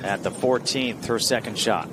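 Male live golf announcer, mid-pitched, clipped phrasing, noticeable outdoor background noise. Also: moderate pace. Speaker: golf commentator. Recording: outdoor course ambience noise behind voice.

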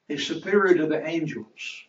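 A man's voice: a little high, lively intonation, moderate pace. A man teaching a Bible class, quoting scripture and asking the class questions. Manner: asks the class questions and waits for answers. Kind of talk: interactive Bible lesson. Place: church classroom. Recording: roomy, distant, dull church recording.

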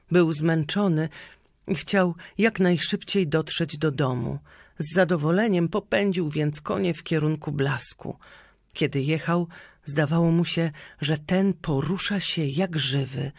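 A man narrating a local legend in a measured storytelling reading. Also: a little high, gravelly, dry recording, clean studio sound.

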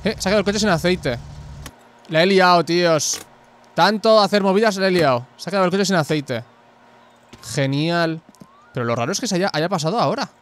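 Male gamer, excitable and sweary, fairly high voice, live gameplay commentary. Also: brisk, pauses often, a little hiss or hum. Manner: excitable, swears often, shouts at the screen.

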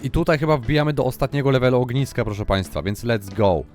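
A young man giving lively, excitable commentary while playing a video game and talking to his viewers. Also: mid-range voice, fast talker, faint music behind. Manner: exclaims often, addresses the audience. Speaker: gaming YouTuber. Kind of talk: excited Let's Play commentary.

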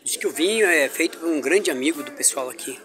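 Music plays under this travel vlogger's fairly high, expressive voice as he talks quickly. Strolling through an indoor farmers' market, he chats casually and cheerfully to his camera and with vendors and children, peppering his talk with religious exclamations.

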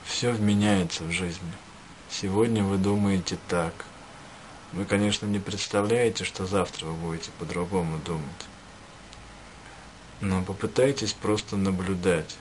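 A man giving a spiritual address to listeners, speaking in measured short phrases with pauses. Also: low-pitched, steady tone, slight background noise, poor audio. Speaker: spiritual teacher.

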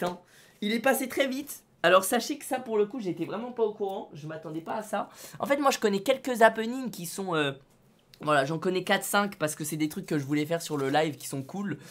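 A young man streaming live from his studio, talking to his chat in slangy, excitable bursts and shouting when things go wrong. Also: very high voice.

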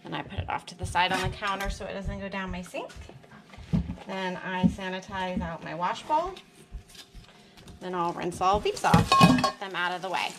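Standing at her kitchen sink, a woman homesteader casually narrates her routine step by step, plain and practical, dropping in fillers as she works. Her lowish voice swings hugely in pitch at a normal speed. The camera is mounted above the sink, catching running water noise and music in the background.

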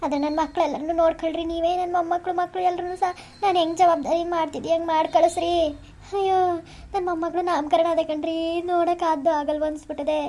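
A woman's voice: very high-pitched, level tone, fast, warm tone, slight background noise. A woman voicing a dramatic, pleading elderly mother in a cartoon, wailing and begging. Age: older. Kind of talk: cartoon voice acting.

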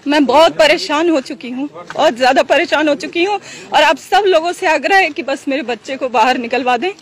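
Middle-aged woman, mother, high voice, distressed and pleading, news interview outdoors. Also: brisk. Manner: distressed, pleading, tells events at length. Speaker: mother of a hospitalized patient. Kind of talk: emotional on-street news interview.

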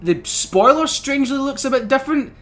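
A British man hosting a casual racing-game let's-play, excitable and quick to swear or laugh. His voice sits high for a man and swings widely in pitch. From United Kingdom. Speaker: gaming channel host.

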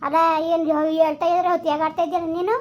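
A woman's voice: very high voice, level tone, very fast, lo-fi sound. A woman acting in a village comedy skit, scolding and cursing a husband in repetitive angry rants. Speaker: angry mother and wife in a skit.

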